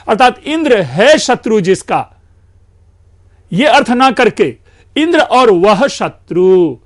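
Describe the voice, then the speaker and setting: A male lecturer with a fairly high voice explains grammar patiently, stretching out example sounds and switching into English phrases now and then. He talks to his students as friends in a steady, academic lecture. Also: creaky. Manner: explains slowly, drawing out sounds and mixing in English; addresses listeners as friends.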